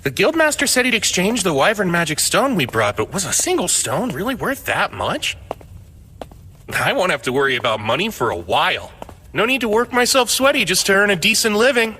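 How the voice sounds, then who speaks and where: A man voicing a cocky, wry young fighter hero in an animated, overacted anime dub style. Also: sits high, fairly quick, exaggerated voice. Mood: relieved, musing.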